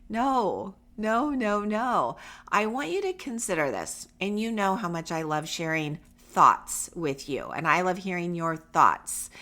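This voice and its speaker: A middle-aged woman hosts a solo podcast for homeschool parents, speaking to listeners directly in an encouraging, reassuring, conversational and emphatic way while getting over a cold. Her voice is lowish with a fairly bright tone.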